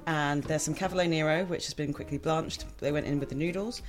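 A woman's voice: sits low, fairly even intonation, fairly quick. A young woman from Hong Kong chatting casually while she cooks, laughing often. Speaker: home cook guest. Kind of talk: casual chat while cooking.

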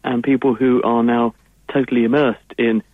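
This science guest on a radio call-in speaks with an English accent, answering listeners' questions in long, fluent explanations. His mid-range voice has little pitch movement and a normal speed, coming through a tinny phone line with no echo.

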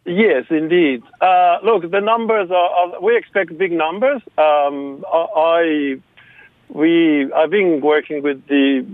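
A man from Argentina with an Argentine Spanish accent, a guest on a radio interview, speaking haltingly with many fillers and restarts. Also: on the high side, no room sound. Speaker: guest, local rugby supporter. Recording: phone line, dry.

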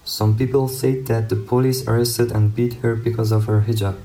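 A male student speaking in a measured account through a voice altered to disguise him, deep and low. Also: level tone, dark tone, soft background music, poor audio. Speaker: student protester.

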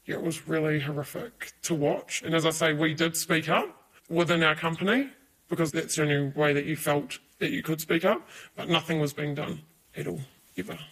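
Woman with a disguised deep voice. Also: steady tone, normal speed, fairly bright tone, breathy edge, low-quality recording. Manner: blunt, emphatic, repeats key words. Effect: voice electronically altered, pitched down to a disguised deep voice. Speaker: early childhood teacher. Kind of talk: anonymous interview.

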